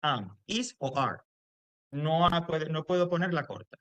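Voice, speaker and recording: A man's voice: on the high side, lively intonation, a little slow, a bit bright, dry recording, highs cut off. A man teaching English grammar to a class, explaining step by step and checking in often.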